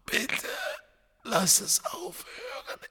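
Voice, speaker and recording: A man's voice: extremely high pitch, huge pitch swings, extremely slow, pushed and bright, in a large hall, pitched above the performer's own voice, exaggerated voice. A man reading an audiobook, voicing a tormented old male wizard who sobs, pleads and cries out in anguish. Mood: anguished pleading. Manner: sobbing, pleading, crying out in anguish.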